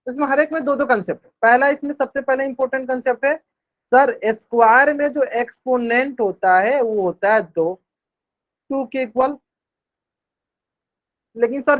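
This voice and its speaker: A man teaching a live online math class, repeating each question to the students and answering it himself, drawing out English math terms slowly. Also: very high-pitched, fairly even intonation. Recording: dull lo-fi stream audio.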